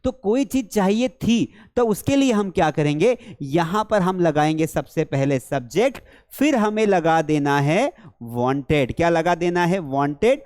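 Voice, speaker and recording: A man with an Indian accent teaching spoken English. He explains step by step, asks his own questions, answers them, and says the English examples slowly. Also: on the high side, lively intonation, darkish tone. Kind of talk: spoken English lesson in Hindi.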